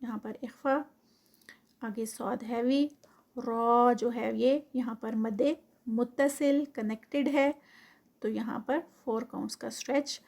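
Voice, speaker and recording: Woman, high voice, tajweed lesson, slow stretched recitation then quick explanation. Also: fairly even intonation, vocal fry, a little mellow. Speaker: Quran tajweed teacher.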